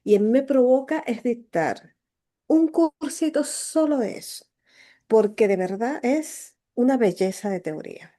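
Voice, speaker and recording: A woman literature professor, chatting informally with her students at the close of a class, with filler pauses. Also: a little high, animated, dark tone. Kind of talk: closing remarks in an online class.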